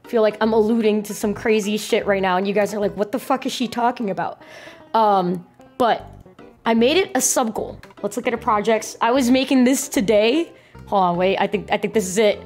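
A young woman hosting a casual livestream, chatting to viewers in a playful, excitable gamer-girl way with plenty of swearing and slang. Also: mid-range voice, a little fast, soft background music. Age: young adult. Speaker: live streamer, host. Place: small bedroom streaming setup. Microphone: close boom-arm microphone, headset on.

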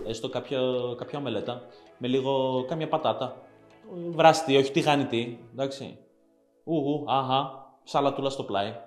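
A man giving viewers a blunt, scolding fitness talk, crude and profane, who repeats phrases for emphasis. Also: medium pitch. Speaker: fitness vlogger. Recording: roomy echo with faint background music.

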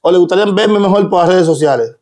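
A fast-talking man with a high, slightly mellow voice and a Dominican accent fires rhetorical questions at his followers. The social media personality's direct-to-camera monologue comes across as emphatic and preachy.

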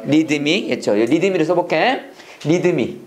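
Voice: mid-range voice, expressive, slow pace, a crowd in the background. A Korean speaker teaching English prayer phrases to a class, drilling lines and having students repeat. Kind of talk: classroom lesson, call and response drills.

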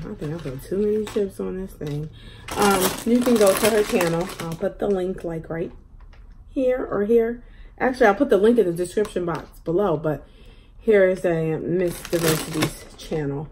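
A mukbang vlogger with a fairly low-pitched voice chats casually to camera at home while eating, rambling with lots of fillers. The background is noisy.

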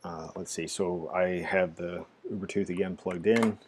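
A man narrating a casual screen-recorded software tutorial, explaining each step with frequent "uh" fillers. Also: deep voice, steady tone, moderate pace, slightly rough. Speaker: tech tutorial presenter.

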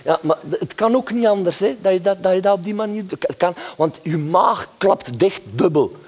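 A man's voice: high voice, expressive, normal speed, darkish tone. A man doing a rambling stand-up comedy monologue, repeating words as he goes. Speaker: cabaret performer.

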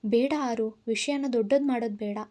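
A woman voicing a calm, forgiving young woman who speaks softly to soothe a friend, in a storybook reading. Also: fairly high pitch, moderate pace, close to an everyday voice. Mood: placating. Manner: soft, placating.

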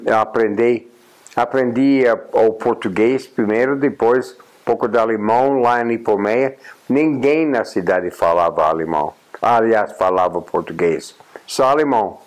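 An American man in his eighties, a native English speaker with a lowish voice, is interviewed indoors in a plain room. A journalist and honorary consul, he reflects unhurriedly, often pausing with "ah" and restarting his sentences.

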